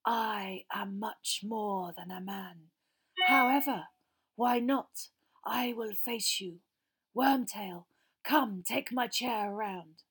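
A woman voicing a cold, cruel dark lord in a storybook reading, with a whispery, slow and deliberate delivery. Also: medium pitch. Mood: sinister, imperious. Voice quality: whispery, breathy.

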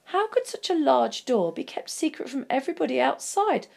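A woman voicing a small, excitable male hobbit in a storybook reading, with a squeaky, eager tone. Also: normal speed, gravelly, full character voice. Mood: excited.

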